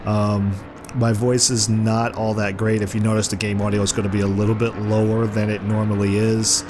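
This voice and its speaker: Over engine noise from the racing game he is playing, a flu-stricken man with a sore, congested throat gives play-by-play commentary, excited when the car slides. He speaks on the low side at a moderate pace.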